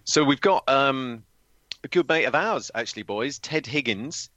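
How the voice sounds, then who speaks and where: A man's voice: medium pitch, lively intonation, measured pace, pushed and bright, no room sound. A man who is a former display pilot, telling flying stories on a podcast with dry, teasing banter. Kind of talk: casual podcast chat. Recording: dull lo-fi, dry sound.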